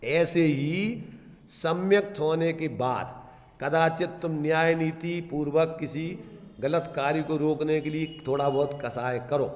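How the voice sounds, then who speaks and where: A man giving a Jain scripture discourse, asking his listeners rhetorical questions and slowly chanting verse lines. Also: on the high side, steady tone. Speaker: Jain religious teacher. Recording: echoey hall.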